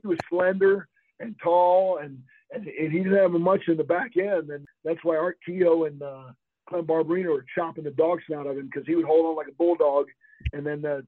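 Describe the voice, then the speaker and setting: A man with a voice on the high side, recorded dry, tells rambling stories in an interview. He's an older Floridian who played college football, and he laughs frequently. The sound is tinny, like a phone call.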